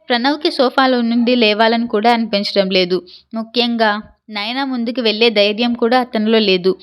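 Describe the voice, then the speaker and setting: A woman narrating a romantic drama story in a steady, measured storytelling manner. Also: on the high side, smooth.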